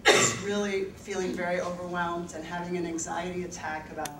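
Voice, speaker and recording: Speaking at a university event, a Dutch financial advisor in her fifties shares her personal story candidly, laughing often and filling her speech with fillers. Her voice sits on the low side, with a flat delivery at a fairly quick pace. The recording has background noise and an echoey room, with the mic placed at a distance.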